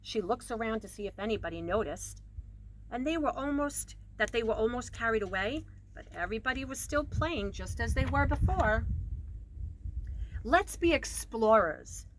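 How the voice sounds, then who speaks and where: A woman with a voice on the high side reads a children's picture book a little quickly and expressively, stressing key words and varying her volume. The recording is rough, with clearly noticeable background noise.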